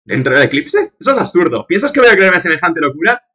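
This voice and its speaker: Incredulous teen boy hero from a game, read by a man in his own voice; high and bright, demanding answers. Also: sing-song, quick pace, breathy edge, exaggerated voice. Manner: incredulous, questioning reading. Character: puzzled, defiant teenage boy hero.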